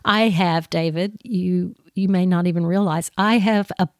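A woman co-hosting a podcast, talking gently and enthusiastically about teaching children, with frequent restarts. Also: on the low side, fairly even intonation, unhurried, dry recording, clean studio sound. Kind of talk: casual podcast conversation.

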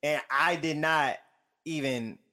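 A man in a relaxed conversation, talking in slang and telling stories. He acts out what others said, jumping up into lively put-on voices. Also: a little high, takes it slowly. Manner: animated storytelling, slangy, acts out quotes. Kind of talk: casual chat.

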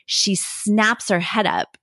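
A middle-aged woman co-hosting a faith podcast, telling a personal story in a casual, animated way, laughing often and acting out what people said. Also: mid-range voice, takes it slowly, vocal fry, dry recording, studio quality. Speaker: podcast co-host.

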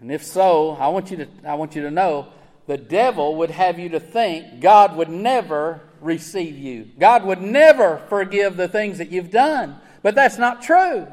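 A man with a notably high voice preaches an earnest sermon, pressing his points with rhetorical questions. His voice rings out with a long reverb, as in a large church hall. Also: lively intonation, unhurried, darkish tone. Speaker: pastor.

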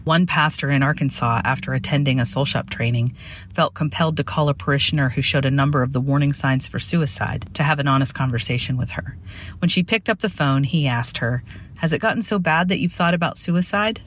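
A woman presenting on suicide prevention, reading a prepared presentation in an earnest, measured way. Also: very deep voice, slight background noise.

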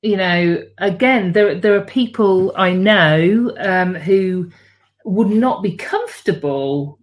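A woman of middle pitch answers interview questions as a book coach. She talks slowly and hesitantly, often pausing to restart her sentences. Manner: hesitant, many fillers and restarts. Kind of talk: casual interview chat.

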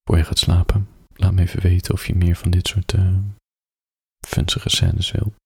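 Deep, husky man reading softly at bedtime. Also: flat delivery, no echo, clean studio sound. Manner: soft, slow and intimate, drifting into whispers. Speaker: storyteller reading to listeners. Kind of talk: intimate bedtime story reading.

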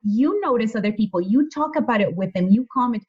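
Outspoken woman in her forties, higher voice, lively candid anecdotes, dull lo-fi recording. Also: brisk, slightly rough. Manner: candid, animated storyteller who swears freely. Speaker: guest. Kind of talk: casual interview conversation. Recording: muffled lo-fi audio.

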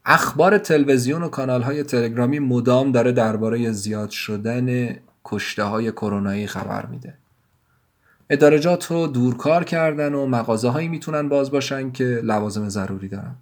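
A man reading his own written story aloud in a measured, even storytelling manner. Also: medium pitch. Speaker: writer and narrator. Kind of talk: scripted story narration.

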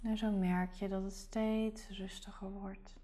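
A woman guiding a relaxation meditation in a soft, calm, soothing whisper. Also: medium pitch, a little slow. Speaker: meditation guide.

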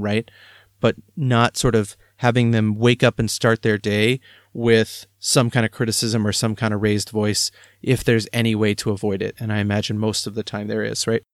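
A man, probably in his thirties, gives parenting advice in a conversational, reflective style full of fillers, a casual advice talk. His voice is lowish, and the recording is dry with clean studio sound.

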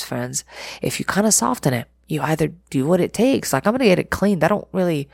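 A woman's voice: lowish voice, vocal fry, a little mellow, breathy edge, no room sound, studio quality. A middle-aged woman therapist hosting a parenting talk, speaking earnestly and conversationally and acting out quoted lines. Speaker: therapist and parenting podcast host. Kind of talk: casual advice talk.

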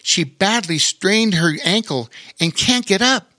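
A man's voice: high-pitched, animated, unhurried, sharp tone, voice pushed up, full character voice. A man voicing a young boy who talks in a breathless, urgent rush in a storybook reading.

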